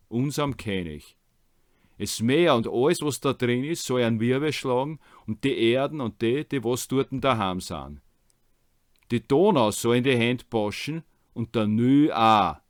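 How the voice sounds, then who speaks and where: A man's voice: mid-range voice, dry recording, clean studio sound. A man with a Viennese accent reciting a psalm as a reading in dialect.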